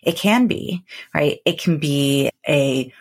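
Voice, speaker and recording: A woman hosting a solo podcast in a casual, intimate, reflective way, recorded close up in a bedroom, drawing out words with pauses. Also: sits low, slightly rough. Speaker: podcast host. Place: cozy bedroom, recording from bed.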